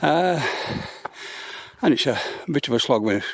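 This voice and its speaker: A man, out of breath, rambling slowly with many pauses while filming his walk on a quiet mountain path. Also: medium pitch, expressive. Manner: slow, rambling, many uhs. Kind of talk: casual walking vlog.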